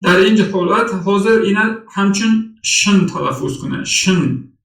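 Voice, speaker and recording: A man teaching English phonetics in a recorded lesson, reading example words slowly and deliberately. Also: high voice, gravelly, fairly bright tone, echoey room, far from the mic, low-quality recording.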